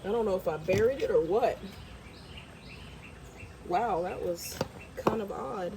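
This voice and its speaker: Working in her garden, a congested woman chats and thinks out loud for her vlog in an unhurried, mid-range voice. Background noise, birds, and outdoor sounds fill the recording.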